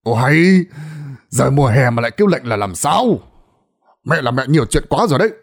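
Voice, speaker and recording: A man voicing a fat, drunken middle-aged son who scolds his mother loudly and impatiently. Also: medium pitch, very animated, a little fast, slightly rough.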